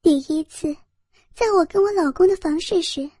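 High-voiced woman reading a story. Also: normal speed, warm tone, no room sound, clean studio sound. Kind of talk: first-person story narration.

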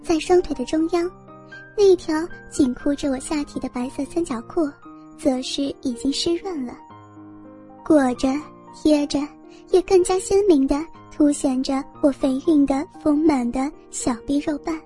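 A woman reads a first-person story aloud in a steady, intimate voice. Her pitch sits high, but the tone stays soft and mellow. Faint music plays quietly behind her. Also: measured pace.

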